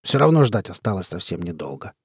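A man's voice: sits low, very animated, fairly quick, breathy edge, dry recording, studio quality, voice pushed down, heavily acted. A man voicing a jittery, cold-hearted male stalker in an audiobook, speaking in a curt, barking way.

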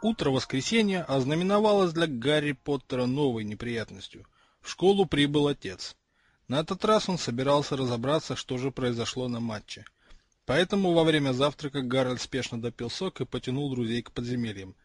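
Sex: man. Role: audiobook narrator. Style: measured scripted narration. Quality: husky. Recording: dry, close. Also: medium pitch, dry recording. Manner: measured storytelling.

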